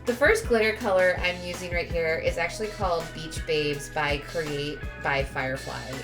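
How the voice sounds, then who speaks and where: The narrator is a woman with a low-pitched voice at normal speed. She delivers a casual craft tutorial voice-over in a chatty way, sniffling with a cold and often self-correcting, while background music runs underneath.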